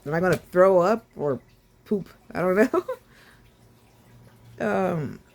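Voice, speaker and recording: A woman vlogging casually about her recovery, sore and short of breath, with a sore throat, talking haltingly with sighs and restarts. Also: fairly low pitch, animated, gravelly, darkish tone. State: sore and winded after surgery.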